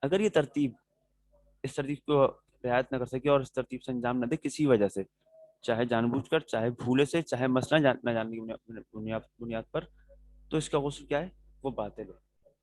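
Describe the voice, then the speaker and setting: Man teaching a religious class, patient step-by-step explaining, average pitch, dry close sound. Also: a little mellow, no room sound, low-quality recording. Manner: answers students' questions directly. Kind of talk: classroom lecture on religious rulings.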